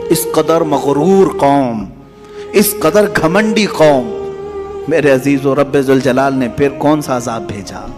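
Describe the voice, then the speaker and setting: Male preacher, fairly high pitch, impassioned sermon delivery, reverberant hall with music behind. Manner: impassioned, rising to loud emphatic peaks. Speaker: Islamic preacher.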